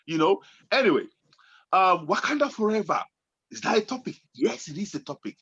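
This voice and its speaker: A man in his late forties talks in a casual chat, his voice high, bright and a bit husky, with a lot of swing in its pitch. He bounces between loud excited bursts and quieter, slower reflection. The recording sounds dull and lo-fi. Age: 40s. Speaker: podcast co-host.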